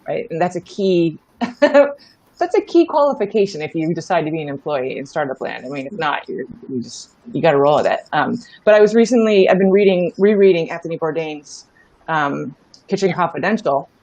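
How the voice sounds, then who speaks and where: A middle-aged startup founder, appearing as an interview guest, tells stories casually in a low-sitting, expressive, slightly mellow voice at a moderate pace. She's candid and emphatic, often checking in with the listener, and the sound is lo-fi.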